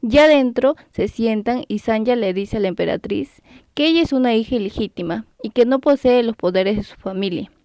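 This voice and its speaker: Woman, story recap narrator, higher voice, dry close sound, storytelling lilt. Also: moderate pace, mellow, dry recording. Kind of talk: scripted narration.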